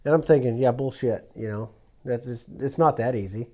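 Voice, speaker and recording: A man in a relaxed podcast conversation, spinning a hunting yarn with lively energy. He slips into the voices of the people in his story. His pitch sits at an ordinary middle height for a man. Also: brisk. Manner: animated storyteller, acts out quoted lines. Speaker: guest telling hunting stories. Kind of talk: casual podcast chat.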